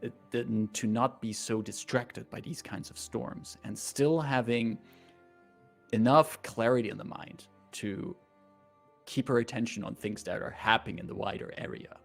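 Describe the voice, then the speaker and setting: A man narrating as game master of a tabletop role-playing game in halting, improvised phrases. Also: mid-range voice, gravelly, faint music behind.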